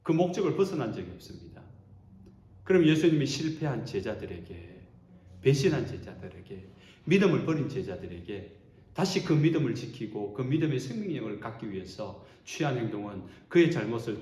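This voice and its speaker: A male pastor delivers an animated sermon, his mid-pitched voice swooping up and down with feeling. The sound is roomy, carrying the echo of a church sanctuary. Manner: animated preaching, acting out quotes.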